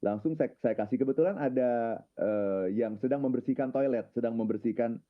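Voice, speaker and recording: Man, mid pitch, reflective storyteller with a habit of tagging every phrase, phone-line sound. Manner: unhurried, leans on filler tags at phrase ends. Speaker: guest speaker on his own channel.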